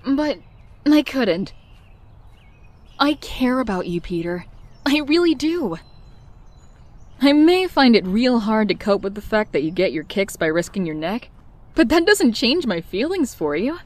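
A woman's voice: a little high, big pitch swings, unhurried, pauses often. A woman voicing Mary Jane, a fiery but guarded young woman, telling her story in a heartfelt, confessional way in a comic dub. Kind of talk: comic dub narration and dialogue.

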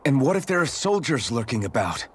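A man's voice: medium pitch, very animated, fairly quick, husky. A man voicing a kind, sincere young male swordsman in a video game.

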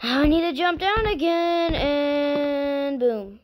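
A woman chatting casually while she plays a video game, exclaiming at mishaps and apologizing for yelling. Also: high voice, slow pace. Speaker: gameplay streamer. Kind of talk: casual gameplay commentary. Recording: noisy home recording.

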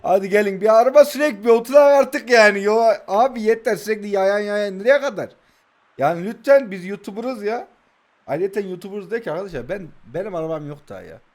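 A man, giving playful, taunting commentary over a mobile football game and bursting into excited play-by-play. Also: sits high, a little fast, faint music behind. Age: 20s. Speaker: mobile football gaming YouTuber. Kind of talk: live gameplay commentary, teasing opponent.

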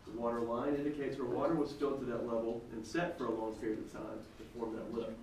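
A man's voice: mid-range voice, level tone, fast talker, a little mellow. A man working as a cave tour guide, giving casual, lightly joking commentary with a cave echo on his voice. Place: large underground cave, heard from a visitor's camera. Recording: echoey cave, distant, noisy.

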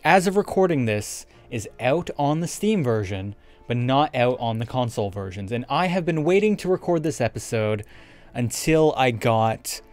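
This young adult gaming YouTuber has a mid-range, slightly mellow voice and delivers casual, rambling let's play commentary peppered with swearing. He records in an indoor room set up with a webcam, game music playing behind him.

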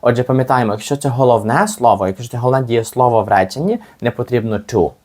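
A man with a Ukrainian accent teaching an English lesson, explaining patiently and saying model phrases slowly for learners to repeat. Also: medium pitch, a little mellow. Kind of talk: language lesson with slow repetitions.

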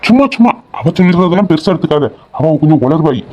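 A man voicing an eager young groom in an animated family drama, proud of his bride and reassuring. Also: fairly high pitch, quick pace, a little hiss or hum, lightly acted. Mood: doting.

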